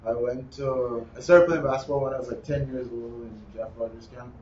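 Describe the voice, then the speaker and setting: A young man with a Bahamian accent, a basketball player answering interview questions in a relaxed, plain way. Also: medium pitch, brisk. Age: young adult. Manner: relaxed, plain, uses "like" and "you know". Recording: roomy, distant, dull with faint noise.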